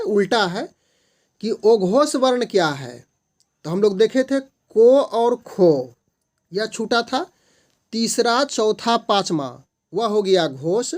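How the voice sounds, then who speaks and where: A tutor explaining multiple-choice grammar questions, patiently repeating definitions and sounding out single letters and syllables one at a time. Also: mid-range voice. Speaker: online tutor.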